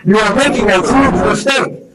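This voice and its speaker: A man being arrested protests over and over, upset and in pain. His voice is high-pitched and agitated. Other people are clearly heard around him. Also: moderate pace, far from the mic, crowd noise. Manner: protesting, repeating himself insistently. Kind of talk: agitated argument during an arrest.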